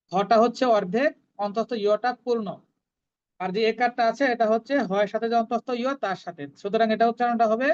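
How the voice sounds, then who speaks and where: A woman teaching Sanskrit verse recitation, chanting each line slowly and then explaining the pronunciation in quick, plain speech. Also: fairly high pitch, darkish tone, highs cut off. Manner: slow drawn-out chanting alternating with quick explanations.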